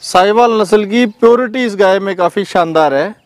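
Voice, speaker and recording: A man's voice: high voice, moderate pace. A man hosting a farm video outdoors, asking questions and repeating the answers for viewers. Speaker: host.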